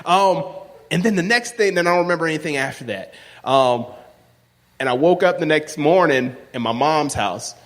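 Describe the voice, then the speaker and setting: Loud animated storyteller in a hall. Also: male voice, a little high, normal speed. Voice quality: loud, projecting voice. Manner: animated, acts out dialogue in raised voices. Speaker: live storyteller. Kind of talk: live personal storytelling. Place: stage in a large hall. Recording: live recording with long hall reverb.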